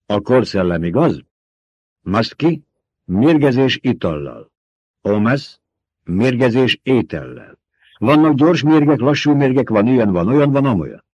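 A man voicing a stern, menacing old priestess, commanding and sharp in a dull lo-fi audiobook recording. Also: medium pitch, sing-song, slightly rough, dry recording, pitched above the performer's own voice. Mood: mocking.

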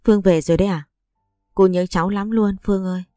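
A woman's voice: mid-range voice, steady tone, fast talker, warm tone, no room sound, clean studio sound, soft background music, close to an everyday voice. A woman voicing a doting, playful middle-aged aunt who talks in an affectionate, gossipy way.

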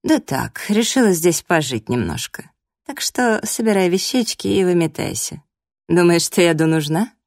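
A woman's voice: lowish voice, animated, normal speed, vocal fry, a little mellow, no room sound, clean studio sound. A woman voicing a haughty, mocking young woman, the jealous ex-fiancée in an audiobook, who talks down with sneering sarcasm. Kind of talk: audiobook character voice.

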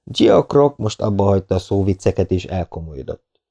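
Gravelly low-voiced male narrator. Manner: steady, measured reading. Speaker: audiobook narrator. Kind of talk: audiobook narration.

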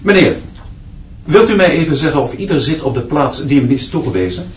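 A man acting in a Dutch radio drama plays a strict new schoolteacher, hard and unbending, barking curt commands and punishments in a stern, commanding mood. His voice is on the high side and sing-song, a little fast, and recorded from a distance. The classroom sound comes from off, dull, noisy and echoey.

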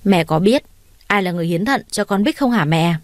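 A woman's voice: medium pitch, expressive, fairly quick, dry recording, close to an everyday voice. A proud, scheming young woman in an audio story, cold and cutting in her speech. A woman voices her in her usual tone. The recording is dry and close to the mic. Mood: indignant. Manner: cold, sharp.

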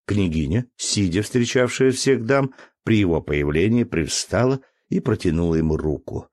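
Low-voiced male audiobook narrator. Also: animated, normal speed, a little mellow, dry recording, clean studio sound. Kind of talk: scripted narration of a classic novel.

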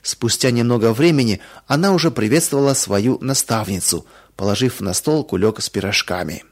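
Calm male storyteller. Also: mid-range voice, normal speed. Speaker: narrator.

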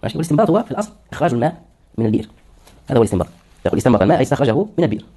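A man's voice: medium pitch, very animated, racing, mellow, breathy edge. A man lecturing on hadith terminology, explaining words one by one and answering his own questions. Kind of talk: classroom lecture.

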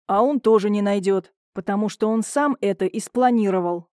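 A woman voicing a gruff, blunt man, an older brother who growls his curt lines in an audiobook. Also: mid-range voice, normal speed, mellow, no echo, clean studio sound, close to an everyday voice.

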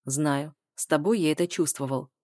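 A woman reading an audiobook, voicing a calm grown man who answers evenly and sounds puzzled. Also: deep voice, normal speed, dry recording, studio quality.

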